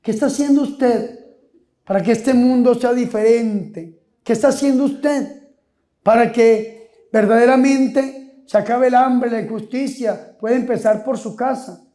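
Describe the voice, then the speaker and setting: A man, a priest, giving a lively sermon with call-and-response, repeating his questions and shouting key words. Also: extremely high pitch. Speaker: priest preaching. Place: church or retreat hall with a congregation. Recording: echoey hall with crowd.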